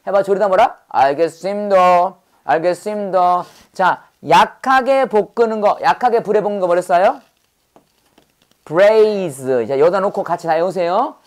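An English vocabulary teacher, a woman with a lower-pitched voice, drills her class in quick call-and-response fashion. Each word gets repeated many times between rapid-fire questions.

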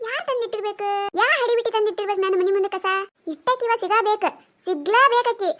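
A woman voicing a loud, quarrelsome young village wife in a cartoon, ranting and scolding in a North Karnataka Kannada accent. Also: quick pace. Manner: shrill scolding rant. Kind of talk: cartoon voice acting.

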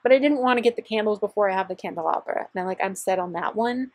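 A young woman with a mid-range voice talks fast and gushes in a bubbly way, narrating over her shopping footage for a vlog. She's recording a shopping vlog voiceover from a parked car, and the sound is clean with no echo.

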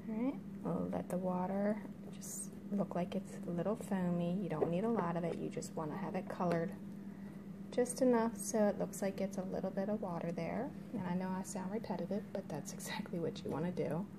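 A woman's voice: fairly low pitch, brisk, creaky, background noise. Woman murmuring craft painting steps. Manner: relaxed, murmured step-by-step instructions. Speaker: craft tutorial host. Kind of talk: hands-on craft tutorial. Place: cluttered home craft room, indoors.

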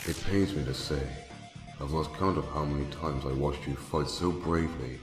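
A man playing a solemn, grave ghostly doctor in a dramatic comic dub, speaking in a measured way. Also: rumbling low, fairly even intonation. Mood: sorrowful. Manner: slow, grave, measured delivery. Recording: echoing voice over music.

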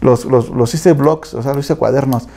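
A tattoo artist from the Mexico City area tells stories in a casual interview, using lots of slang, acting out other people's voices, and adding frequent tag questions. His voice is medium-pitched, steady, creaky, and mellow, at a normal speed.

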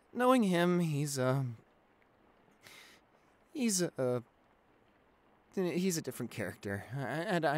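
In a boyfriend ASMR roleplay, a man lightly acts out a shy young boyfriend in an intimate audio scene. He sounds anxious and soft-spoken, stammering and hesitating, with a medium-pitched voice.

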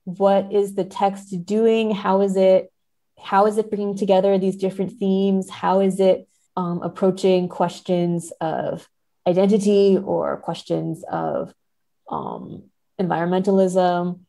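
A literary scholar, interviewed as a podcast guest, explains ideas thoughtfully in a careful, hedging academic manner. Her medium-pitched, warm voice has vocal fry and a measured pace.

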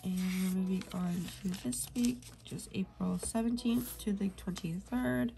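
A young planner vlogger chats casually while filling in her planner, rambling and soft, sniffly with a cold, and sometimes slipping into a whisper as she works. Her voice is medium in pitch, creaky, and a little slow.

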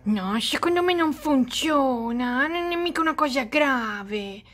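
A woman's voice: high voice, lively intonation, measured pace, a bit bright, soft background music. A woman voicing a confident, competitive teenage girl doll with a wry, skeptical manner in a doll-story role-play.

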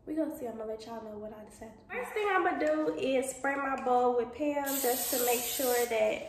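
A young adult woman's high voice moves a little fast as she talks viewers through a cook-along. She is a cooking vlogger in her home kitchen indoors, casual and chatty, calling everyone y'all and boo. A distant camera on the counter records her, and the kitchen comes across echoey with noticeable background noise.

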